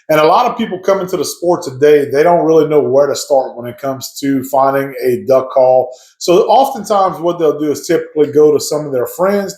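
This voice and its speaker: A man with a voice a little higher than most speaks in a roomy, echoing space. He gives casual advice straight to his viewers. His delivery is conversational and explanatory, like a hobbyist laying out an opinion. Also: darkish tone. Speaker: hobby duck hunter giving advice to viewers. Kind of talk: casual opinion talk to camera. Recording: echoey, roomy sound.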